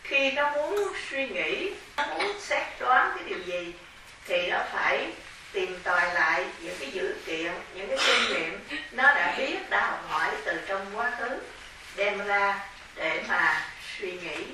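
A woman, a Buddhist nun, giving a measured, explanatory dharma lecture and carefully spelling out terms. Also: mid-range voice, animated. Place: large temple hall. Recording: echoey hall, distant mic, faint hiss.

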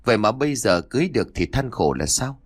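A man's voice: mid-range voice, sing-song. A man voicing Tuấn, a jumpy, argumentative young bachelor out fishing with his friends in a ghost story. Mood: mocking. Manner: quick, nervous, argumentative.

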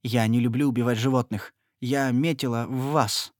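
A man's voice: mid-range voice, steady tone, normal speed, a little mellow, no echo, clean studio sound, natural voice. A man voicing a bold, blunt young country woman who speaks impatiently and commandingly. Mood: stern.

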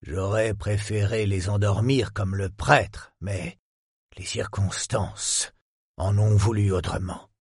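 A man voicing a menacing middle-aged male antique dealer, a villain who talks in a cold, slow, hushed and threatening way. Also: lowish voice, steady tone, slightly rough, no room sound, studio quality, exaggerated voice. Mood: coldly menacing.

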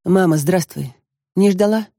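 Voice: mid-range voice, a little slow, creaky, dark tone, no echo, studio quality. Reader playing a brooding middle-aged son. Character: troubled grown son, middle-aged man.

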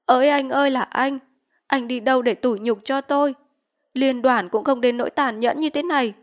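A woman's voice: high-pitched, steady tone, moderate pace, pitched above the performer's own voice, close to an everyday voice. A woman voicing a desperate poor peasant mother in an audiobook reading, pleading and lamenting through tears. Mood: wailing.

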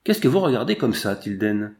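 A man voicing an excitable young Frenchman. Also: fairly low pitch, a little fast. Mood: excited.

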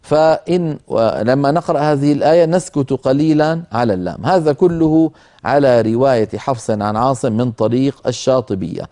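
A man hosting a televised lesson on Quran recitation, explaining the rules in a measured way and pausing to demonstrate them slowly. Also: medium pitch, dark tone. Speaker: Quran recitation teacher, program host.

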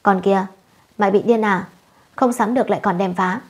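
A woman voicing a lazy, blustering young village husband who talks back quickly and defensively. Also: mid-range voice, steady tone, breathy edge, natural voice.

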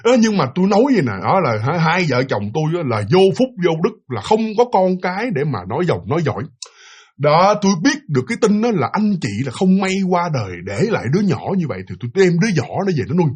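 A man voicing a tearful old grandmother who pleads haltingly. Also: sits high, big pitch swings, husky, exaggerated voice. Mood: pleading. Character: tearful pleading grandmother, older adoptive mother.

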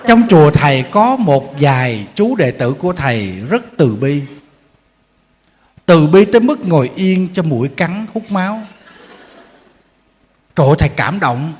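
Man, Buddhist monk, sermon, fairly high voice, long hall echo, animated storytelling. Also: unhurried, long pauses. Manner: storytelling, animated, acting out quotes with humor. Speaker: Buddhist monk giving a dharma talk.

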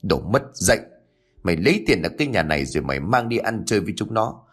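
A stern older stepfather scolds and threatens in rapid bursts, as a man reads him. His voice is low, with a lively, swinging pitch. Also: slightly rough. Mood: furious scolding. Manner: scolding, forceful.

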